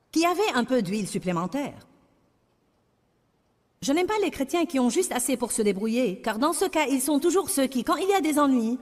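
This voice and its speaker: A woman's voice: high voice, big-room sound. A woman preaching a sermon in a French voice-over, with emphatic, repetitive declarations.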